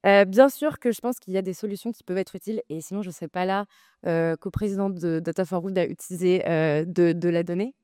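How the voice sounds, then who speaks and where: A woman's voice: lowish voice, a little fast, mellow, smooth, no room sound, studio quality. A woman arguing in a debate, hesitant with many filler sounds but insistent. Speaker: debate speaker, co-president of a data nonprofit. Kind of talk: debate argument.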